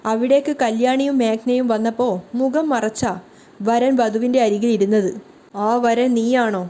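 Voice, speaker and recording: Woman doing angry sarcastic young guy from a serial recap, mellow tone. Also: fairly high pitch, fairly even intonation, moderate pace, close to an everyday voice. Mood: scolding. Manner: sarcastic, scolding. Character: angry scolding young man, Kiran.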